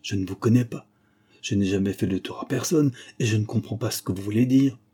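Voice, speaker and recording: A man doing a frightened young man, husky. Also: fairly low pitch, a little fast, warm tone. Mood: protesting. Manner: protesting, pleading.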